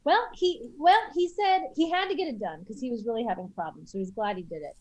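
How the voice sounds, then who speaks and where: A woman's voice: a little high, animated, a little fast, no echo, poor audio. A woman chatting casually on a podcast, hesitant and trailing off mid-thought. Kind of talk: casual chat.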